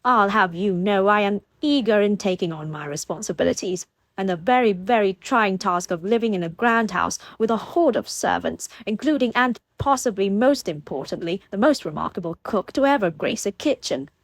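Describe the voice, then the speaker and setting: A woman's voice: mid-range voice, animated, normal speed, no echo. Woman reading frank jovial young lord Ned. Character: frank good-humored young male lord.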